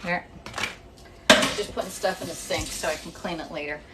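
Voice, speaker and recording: A woman's voice: fairly low pitch, steady tone, moderate pace, very noisy. A woman hosting a casual live cooking stream from her home kitchen, chatting and greeting viewers by name, a little out of breath. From Northeast Pennsylvania. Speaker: home cooking livestream host. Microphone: phone camera.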